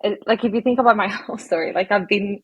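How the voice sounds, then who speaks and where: Female guest from Colombia, husky breathy tone, reflective and halting. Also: mid-range voice, lo-fi sound. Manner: reflective, halting, laughs softly between phrases. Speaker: guest, psychologist. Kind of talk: casual interview conversation.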